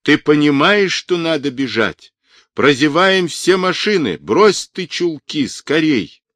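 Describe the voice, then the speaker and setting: A man narrating, voicing a frightened, desperate middle-aged man who urges escape in breathless shouts. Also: medium pitch, very animated, unhurried, dry recording, studio quality.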